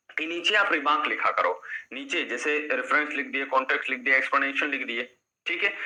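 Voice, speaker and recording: A man's voice: on the high side, pushed and bright, rough recording. A man teaching students, explaining step by step, repeating points and quizzing the class. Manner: addresses students as 'beta' and 'bhaiya'. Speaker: English teacher.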